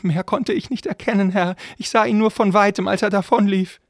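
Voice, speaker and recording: A man voicing a frightened young male fairy servant who pleads in a high, frantic voice. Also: steady tone, fairly quick, dry recording, clean studio sound. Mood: pleading.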